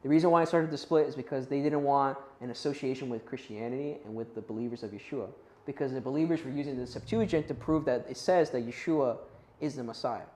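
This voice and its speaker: A man's voice: medium pitch, quick pace, a little mellow, a little hiss or hum. Man teaching a Bible class in an echoey room. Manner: conversational, checks in with the class, unsure of Hebrew and Greek pronunciations. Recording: roomy echo.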